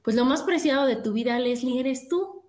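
High-voiced Mexican woman, animated. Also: moderate pace. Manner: animated, expressive storyteller. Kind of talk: casual chat. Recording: echoey room.

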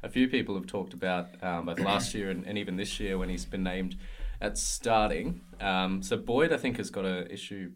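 A male podcast co-host in casual sports chat, easygoing and quick to tease. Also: low-pitched. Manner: easygoing, laughs at his co-host.

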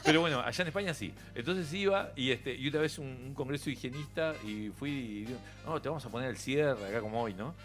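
A middle-aged man with a Uruguayan accent, a radio interview guest chatting casually and telling animated stories with frequent laughter. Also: medium pitch, brisk, hardly any pauses, faint music behind. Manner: animated storyteller, laughs often.

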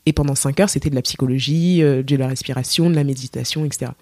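A young woman from Cameroon, a singer, chatting as a podcast guest and telling her story with lively acted-out quotes and many fillers. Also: very deep voice, fast talker, no echo. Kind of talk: casual interview chat.

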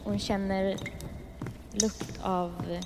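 A woman's voice: medium pitch, level tone, in a large hall, noisy background. Woman narrating a creepy story over sizzling. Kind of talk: improvised horror storytelling.

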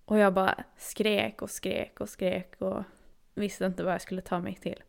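A woman recounting a personal experience with quiet earnestness, her voice sitting at an ordinary middle pitch. A gravelly fry runs through her speech. At tense moments she sinks almost to a whisper. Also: little pitch movement. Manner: earnest, intimate, dropping to near-whispers at intense moments. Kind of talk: personal storytelling.

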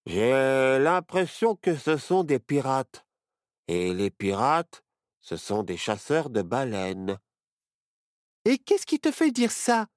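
A man's voice: medium pitch, wildly swooping pitch, slow, dry recording, clean studio sound, pitched above the performer's own voice. A man voicing a timid, hesitant young boy in a children's storybook, stammering and unsure. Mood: nervous.

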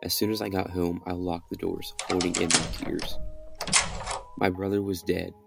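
The young podcast host's voice is low-pitched and gravelly, with a flat delivery at a moderate pace. He performs his own horror story as dramatic first-person narration while music plays behind him.

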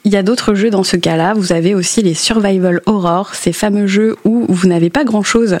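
Woman, game columnist, casual chat, hesitant with fillers, mid pitch, dry close sound. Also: normal speed, darkish tone, dry recording. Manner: hesitant, many fillers, laughs often. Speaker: columnist on video games. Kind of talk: radio-style chronicle, casual spoken.

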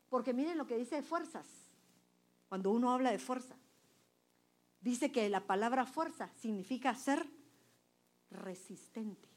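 A woman preaching a sermon to a women's church group, emphatic and quizzing her listeners with questions. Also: a little high. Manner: emphatic, swings between loud and soft.

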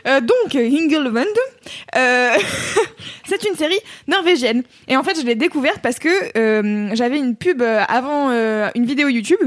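High-voiced hesitant woman host. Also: dry recording, clean studio sound. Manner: hesitant, halting with fillers. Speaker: podcast host. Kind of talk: casual chat.

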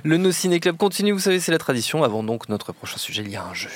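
A man's voice: fairly high pitch, very fast. A man hosting a film discussion show, running a playful quiz for his panel. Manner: lively, playful quizmaster.

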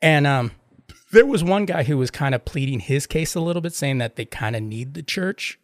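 A man's voice: fairly high pitch, animated, moderate pace, no room sound. A man chatting casually as a podcast host, telling anecdotes in a rambling way and acting out both sides of retold exchanges. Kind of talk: casual chat, retelling anecdotes.

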